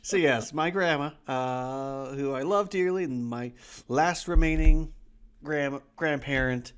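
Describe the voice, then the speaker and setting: A man's voice: fairly high pitch, slow, clean tone. A man co-hosting a podcast in casual chat, rambling and laughing often. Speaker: podcast co-host.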